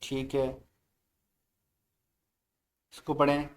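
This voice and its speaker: A man teaching Quran reading in a recorded online lesson, drawing out each letter sound slowly and urging the learner to read aloud. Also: mid-range voice, monotone. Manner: slow drawn-out letter drills, brisk asides to the student.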